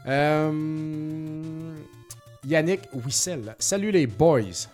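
A man in his forties with a Québécois French accent hosts a casual podcast, chatting and reading listener questions in a talkative, informal, slangy way. His voice is a little high and darkish, and he speaks very slowly over soft background music.

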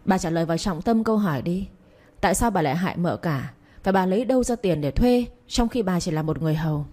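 A woman's voice: on the low side, expressive, fast talker, mellow. A woman reading the part of a young master who sternly interrogates a servant. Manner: cold, commanding questioning.

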